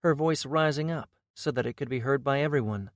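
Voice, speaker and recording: A man's voice: medium pitch, brisk, no echo, studio quality. Man narrating a fantasy audiobook.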